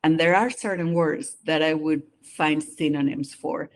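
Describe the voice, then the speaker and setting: In an interview, a psychologist guest who does immigration evaluations earnestly explains their work and speaks openly about personal experience. They have their own mixed non-native English accent and a mid-range voice with fairly even intonation and an unhurried pace. A little hiss or hum sits under the recording.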